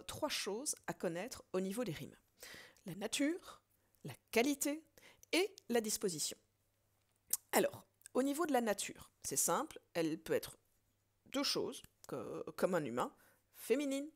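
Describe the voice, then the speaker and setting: A woman teacher walks through a recorded lesson step by step. Her voice sits a little low and swings widely in pitch as she slows down to count out syllables. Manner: explains step by step and counts syllables slowly aloud. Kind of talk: recorded French lesson on poetry.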